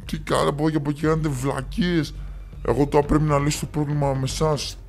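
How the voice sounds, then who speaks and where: A man putting on a furious, deep-voiced bully of a man. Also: natural voice. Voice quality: loud, shouting, swearing. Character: angry adult man threatening kids, bullying.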